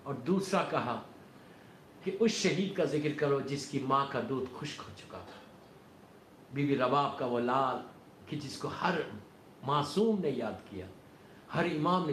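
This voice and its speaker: A man's voice: animated, fairly bright tone. Male majlis preacher, impassioned sermon delivery with a raised voice, roomy reverb behind him. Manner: impassioned, rising to a wailing cry in the lament. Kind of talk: majlis sermon with mourning recital and supplication. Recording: roomy echo with faint rumble.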